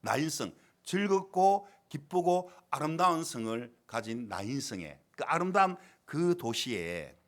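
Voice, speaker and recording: A man's voice: on the high side, very animated, a little slow, hardly any pauses. A male pastor delivering a sermon, emphatic, with rhetorical questions and retold stories. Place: church sanctuary.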